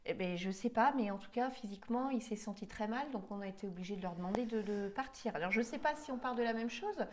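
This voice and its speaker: A woman's voice: medium pitch, fast talker, slight background noise. A woman hypnotherapist guiding a regression session, pressing her subject with insistent, probing questions.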